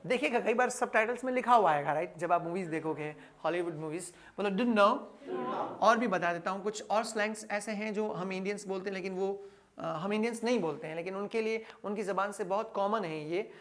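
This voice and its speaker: A man's voice: high voice, fairly quick, a bit bright. A man with an Indian accent teaching a spoken English class, quizzing his listeners and repeating each answer aloud. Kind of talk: classroom lecture.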